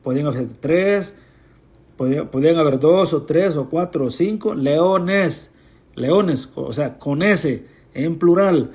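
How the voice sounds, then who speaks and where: A woman's voice: sits low, takes it slowly, darkish tone. A woman teaches from scripture, reading a verse and then unpacking it in plain words. She repeats key points, corrects herself and turns to address her listeners directly. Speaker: Bible teacher.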